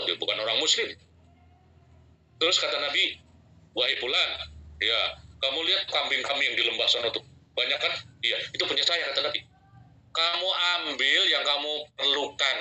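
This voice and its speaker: A man preaching casually, acting out voices as he tells stories and teases his listeners. His voice is bright and sharp, sitting a little high. The sound has a radio-like quality. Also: a little fast, long pauses, low-quality recording. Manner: lively storyteller acting out voices, jokes with audience. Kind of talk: casual sermon storytelling.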